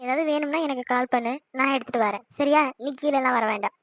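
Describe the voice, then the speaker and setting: Lady doing an anxious doting cartoon mother-in-law, high and rapid, dry sound. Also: close to an everyday voice. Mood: fussing. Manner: anxious, doting, many questions. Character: worried middle-aged mother-in-law, fussing. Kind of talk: cartoon voice acting.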